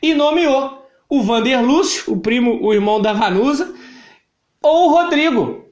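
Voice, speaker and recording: A man's voice: very high voice, expressive, a little slow, a little mellow. A man in his thirties with a Brazilian Portuguese accent, giving a personal testimony to live viewers, emphatic and repetitive, often greeting them by name. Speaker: church speaker sharing his testimony. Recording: echoey room.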